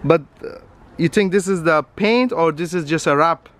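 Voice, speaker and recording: Holding his camera out at arm's length, a young vlogger in his twenties wanders an outdoor car lot, chatting in non-native English as he points out cars. He talks at a moderate pace in a slightly bright voice on the high side. Faint outdoor street noise is present.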